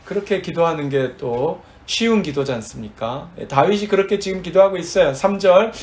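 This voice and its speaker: 열정적으로 설교하는 남자 목사. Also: male voice, a little high, expressive, a little fast. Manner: emphatic preaching with dramatic quoted prayers. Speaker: pastor. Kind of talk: sermon.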